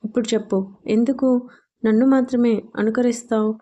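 A calm, reserved young man speaks low-key and dryly in an audio love story, as a woman narrator voices him. The voice stays mellow and soft, a touch high. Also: normal speed, highs cut off, natural voice. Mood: teasing. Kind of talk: storybook audio drama reading.

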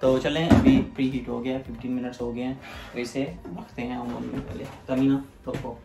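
A man's voice: mid-range voice, little pitch movement, brisk, gravelly. Chatty man hosting a cooking vlog. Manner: chatty, explains each step to viewers. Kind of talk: casual cooking demonstration. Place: home kitchen. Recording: echoey room with background music.

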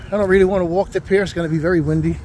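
A man's voice: high voice, fairly even intonation, rapid-fire, mellow. A middle-aged man, casually narrating a walking tour outdoors at a waterfront park and chatting with people he passes. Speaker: vlogger giving a walking tour. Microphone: handheld camera while walking. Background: faint wind and outdoor ambience.

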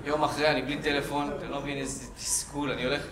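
A man's voice: mid-range voice, level tone. A man doing a stand-up comedy set on a club stage, telling stories and acting out the dialogue in raised voices. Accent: Israeli. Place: club stage before a live audience. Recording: roomy club sound with crowd laughter.

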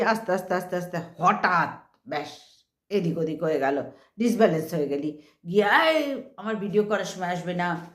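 A woman vlogger giving a mocking, scolding commentary, talking straight at the person she criticizes with sarcastic questions. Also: mid-range voice. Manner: mocking, sarcastic, addresses target directly. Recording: echoey room.

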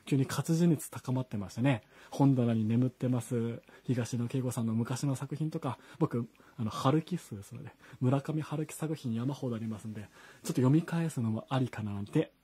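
A man's voice: medium pitch, dark tone, slightly rough. A singer-songwriter chatting casually from his home studio, greeting viewers by name and reading their comments aloud. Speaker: singer-songwriter hosting a live stream. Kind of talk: casual chat to online viewers.

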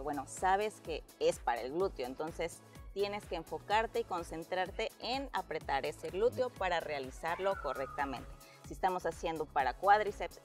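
A young adult woman, a personal trainer, explaining exercise tips in an upbeat, clear way outdoors in a park on a lapel mic. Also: low-pitched. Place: outdoor park workout area.

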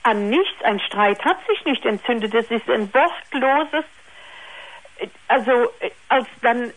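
An older woman calling a radio phone-in over the telephone, talking haltingly with many restarts. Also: a little high, animated, low-quality recording. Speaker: caller.

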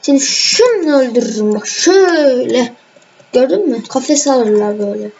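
Speaking right to her viewers, a young gaming host teases the players she battles while casually commenting on her play. Her high, expressive voice is gravelly and darkish, at a moderate pace. The screen-recorded home mic sounds dull and lo-fi, with faint noise.

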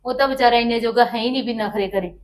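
Actress playing a quick, high-voiced patient housewife. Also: female voice, steady tone, natural voice. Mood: aggrieved. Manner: pleading, placating, then aggrieved. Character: patient put-upon housewife, the elder sister-in-law. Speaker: actress in a village family drama.

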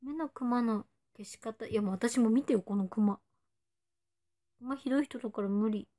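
A woman's voice: a little high, moderate pace, warm tone. A woman in her twenties, an idol chatting casually on a livestream and reading out fan comments in a playful way, sometimes dropping to a whisper. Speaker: idol streaming to fans.

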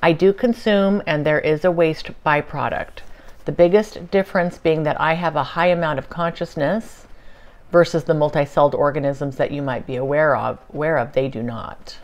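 A woman relaying a tiny calm alien being. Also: low voice, dull audio, natural voice. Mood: calm, explaining. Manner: measured, explanatory. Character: tiny inch-tall alien being, calm, dryly humorous.

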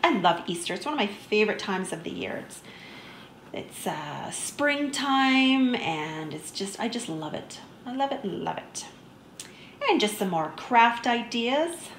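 A woman's voice: mid-range voice, sing-song, a little slow, slight background noise. Chatty woman in an echoey room. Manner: chatty, easygoing, enthusiastic about small finds. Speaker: vlogger. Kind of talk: shop-with-me voice-over narration.

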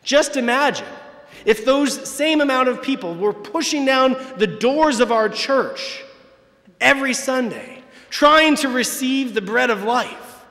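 Male priest, thirties, high voice, Sunday homily, emphatic pauses, long church reverb. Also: lively intonation, bright, forceful tone. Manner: preaching with emphatic pauses and sweeping gestures. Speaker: parish priest. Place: large church, from the pulpit. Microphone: far camera, church sound system.

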